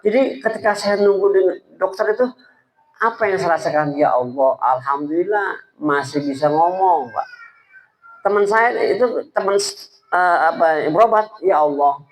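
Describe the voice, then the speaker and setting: Man, informal sermon, halting stammering delivery, slightly high voice. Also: poor audio. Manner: colloquial, addresses listeners directly. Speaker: preacher at a religious study gathering.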